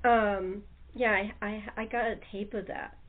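This woman speaks a little slowly in a steady, mid-range voice, the sound thin and narrow like a phone line. As a talk show host and radio-play producer, she's chatty and enthusiastic in casual conversation.

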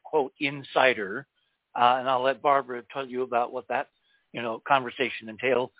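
A man hosting a talk radio show, speaking in measured, emphatic phrases. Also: on the high side, no room sound, phone-quality sound.

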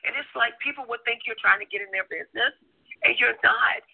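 A man's voice: very high-pitched, fairly quick, vocal fry, husky. A man co-hosting a casual chat show, telling stories and acting out friends' lines, his voice giving out. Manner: acts out friends' quotes in storytelling. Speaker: co-host. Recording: tinny phone-line sound.

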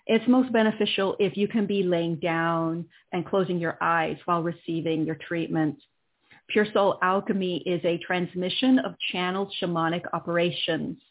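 A woman with a husky, slightly low voice leads a guided healing meditation. She gives calm instructions with pauses between phrases. The sound is narrow and tinny, like a telephone line. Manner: slow, calming, instructional delivery with pauses. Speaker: host and healer.

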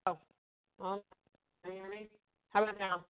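A woman's voice: medium pitch, level tone, normal speed, no room sound. A woman co-hosting a casual chat through a headset on a remote call, her audio dropping in and out so that her words get clipped off. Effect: choppy audio cutting in and out, words clipped off. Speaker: co-host. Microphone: headset over a remote call. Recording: thin phone-like call audio.

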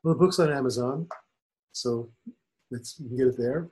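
An older man, a spiritual teacher and author, answers interview questions in a measured and thoughtful way. His voice is medium-pitched and a little mellow.

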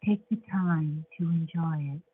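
A woman leading a guided relaxation meditation in a soothing, measured way, with long pauses between short phrases. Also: deep voice. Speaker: show host and guided imagery facilitator. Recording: dull lo-fi sound with faint background noise.

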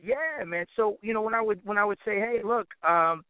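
Recorded dry over phone-quality sound, a man with a high-sitting voice speaks at normal speed. As an interview guest, this musician and producer keeps his talk casual and slangy, peppering it with "you know."

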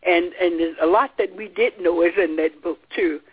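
Rambling, hesitant, mid pitch, phone-line sound. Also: moderate pace, breathy edge. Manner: rambling, hesitant, with many restarts. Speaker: call-in guest. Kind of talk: casual radio interview chat.

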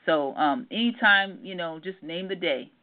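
Heard over a tinny, narrow phone line, this middle-aged woman, a family therapist, is being interviewed casually on a radio call-in show. She has a lowish voice with lively intonation and a moderate pace, talking earnestly with frequent ums and repeated words.

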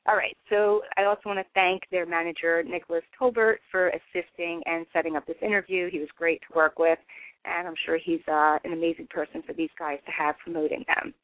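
A woman's voice: lowish voice, steady tone, a little fast, no room sound. A woman with a New Jersey accent hosting a casual interview show in a chatty, effusive way. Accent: Northeastern US, New Jersey. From New Jersey, United States. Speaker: radio show host, interviewer. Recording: dry, tinny phone-line radio audio.

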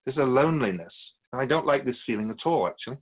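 Here the guest actor's keeper of souls, an otherworldly figure who is calm, wise and patiently explanatory, sounds sad and lonely. His medium-pitched male voice has a breathy edge, and the audio is phone-quality.

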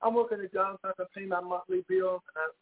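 A man with a somewhat high, husky voice comes through over a thin, tinny phone line into a radio show. He argues with emphatic conviction, piling up rhetorical questions. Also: fast talker. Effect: heard over a phone line. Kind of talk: impassioned call-in commentary.

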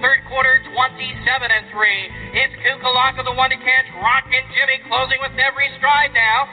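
High-voiced man calling a harness race. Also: steady tone, narrow, tinny audio, faint music behind. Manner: rapid rising race call. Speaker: race caller. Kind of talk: horse race commentary.

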